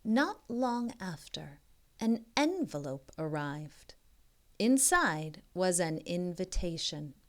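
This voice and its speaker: A female tutor takes her time reading a picture book aloud for a child, her pitch rising and falling in lively swings. Expressive and guiding, she keeps breaking off to check in, asking and prompting the young listener.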